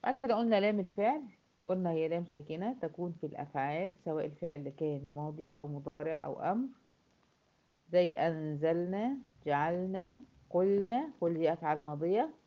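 Egyptian woman as recitation teacher, patient, repeats examples, fairly low voice, muffled lo-fi recording. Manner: patient, asks and answers her own questions, repeats examples slowly. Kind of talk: classroom lesson. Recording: dull lo-fi recording.

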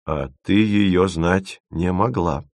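A man's voice: deep voice, takes it slowly, darkish tone, no echo. A man reading an audiobook, voicing a theatrical know-it-all male colleague who lectures emphatically. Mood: lecturing.

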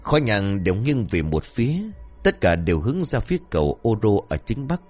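A man with a lowish voice narrates a village ghost story as scripted storytelling. His pitch moves a lot as he lifts his voice for the characters. Faint music plays behind him. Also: big pitch swings, fairly quick.

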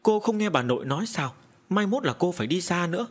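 A man's voice: lively intonation, breathy edge. A man doing a fretful little boy. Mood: coaxing. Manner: high, fretful, quick. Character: small boy, stubborn and pleading.

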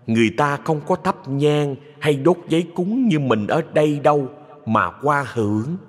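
A man's voice: medium pitch, slightly rough, in a large hall. A man voicing a scheming male ghost who drawls out his plans.

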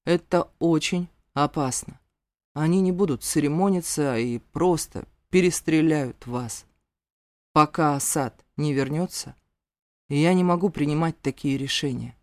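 This is a gruff, stern mentor of young warriors, played by a woman reading an audiobook. He scolds and growls in a hard, clipped voice. The recording is close and dry, with no room sound. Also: deep voice, a little slow, dry recording.

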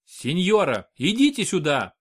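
A man's voice: on the high side, big pitch swings, normal speed, pitched above the performer's own voice. A man voicing a huge, stern male doctor who barks curt orders. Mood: commanding.

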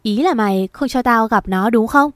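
A woman voicing a sharp-tongued middle-aged mother who scolds harshly and loudly. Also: fairly high pitch, normal speed, no room sound, studio quality, natural voice. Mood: shouting.

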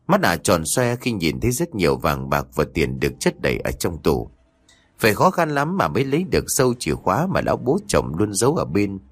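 A man's voice: on the low side, no echo. Dramatic male horror-story narrator.

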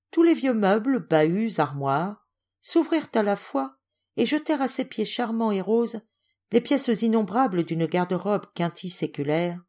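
Expressive woman reading a fairy tale. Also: fairly low pitch. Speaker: audiobook reader. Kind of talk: scripted narration of a literary tale.

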